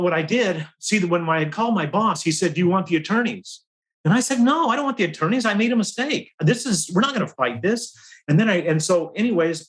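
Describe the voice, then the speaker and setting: Animated storytelling man, higher voice. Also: low-quality recording. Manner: animated storyteller, lively pitch swings. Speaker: podcast guest, career advisor. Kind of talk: storytelling in interview.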